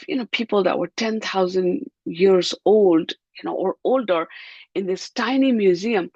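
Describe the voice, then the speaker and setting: A woman's voice: fairly low pitch, no room sound, dull audio. Thoughtful woman from Nepal, dry sound. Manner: thoughtful, measured, slows to stress words. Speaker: guest. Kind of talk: reflective interview answers.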